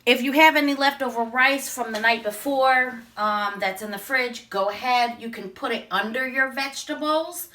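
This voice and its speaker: A woman's voice: fairly high pitch, normal speed, hardly any pauses, bright, forceful tone. A woman hosting a home cooking tutorial, chatty and enthusiastic as she talks straight to her viewers. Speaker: cooking show host. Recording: echoey room, voice from a distance.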